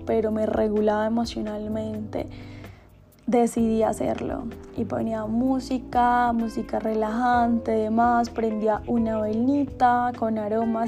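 A woman host speaking in a soothing, unhurried way as she shares self-help guidance. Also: on the high side, creaky. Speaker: host sharing personal self-help exercises. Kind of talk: soft, slow guided meditation.

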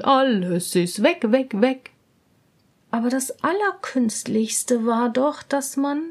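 A woman reads a fairy tale aloud, taking her time over every line. Her voice sits high and her manner is gentle and expressive. Now and then her words drop almost to a whisper. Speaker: storyteller.

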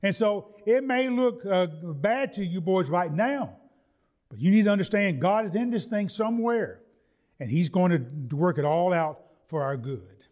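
A man delivers a sermon. He reads scripture slowly, leaning on key words. He tells homely stories in a folksy way. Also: high-pitched, lively intonation, a little mellow. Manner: folksy storytelling, slow deliberate emphasis on scripture. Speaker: preacher.

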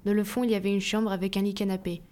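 A woman reading a first-person novel aloud in a plain, even storytelling voice. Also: medium pitch, racing. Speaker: audiobook reader.

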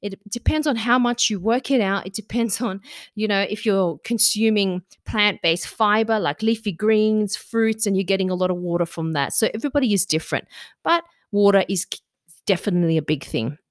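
A woman's voice: medium pitch, moderate pace, no echo, studio quality. A woman host giving casual diet and fitness advice in a conversational, instructive way, often posing questions and answering them herself. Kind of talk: casual advice monologue to listeners.

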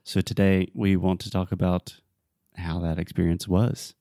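Casting: male podcast co-host, deep relaxed voice, teacherly and conversational. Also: moderate pace, no room sound, studio quality. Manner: explanatory, teacherly. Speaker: podcast co-host and English tutor. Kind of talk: casual podcast chat explaining English phrases.

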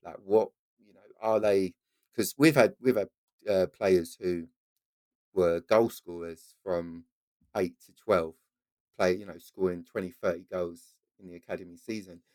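An Essex-accented man with a lowish voice, recorded close and dry. He explains things in an interview as a football coach would, driving his main points home by repeating them. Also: steady tone, unhurried, a little mellow, no room sound. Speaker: football talent scout and coach.

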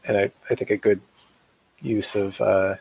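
A man chatting on a podcast in a relaxed way, with many fillers. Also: fairly low pitch, measured pace, gravelly, slightly rough, no room sound, rough recording. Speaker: podcast co-host. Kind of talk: casual chat.

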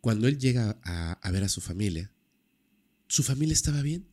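A man casually telling a true-crime story on a podcast, lively and full of fillers. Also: lowish voice, normal speed. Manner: animated, acts out quoted dialogue, many fillers.

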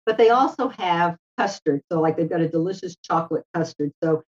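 Appearing as an interview guest, an education adviser chats conversationally and shares anecdotes in a fairly quick, lowish voice that's a little mellow. The audio is somewhat dull and lo-fi.

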